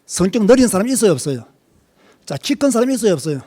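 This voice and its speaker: Lively Korean preacher. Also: male voice, high voice, fast. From Korea, Busan. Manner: lively preaching, questions to the congregation. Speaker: pastor. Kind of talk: sermon.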